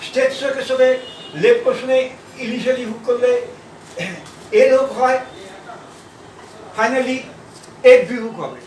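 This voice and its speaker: A man teaching shorthand in a classroom style, pausing and repeating words as he writes out examples. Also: very high voice, little pitch movement, a little mellow, a little hiss or hum. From India. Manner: halting, repeats words while writing. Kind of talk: classroom lesson. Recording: echoey room, mic far off.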